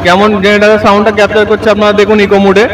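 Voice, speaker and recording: A man's voice: high-pitched, completely flat delivery, recorded from a distance. A man demonstrating a wireless mic with its echo mode on, giving him a heavy echo effect, talking to viewers outdoors beside a running generator. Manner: quick, explanatory, addresses viewers directly. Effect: heavy echo effect from a mic's echo mode. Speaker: gadget reviewer. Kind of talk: casual product demo talk. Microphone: wireless mic connected to a phone. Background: generator noise.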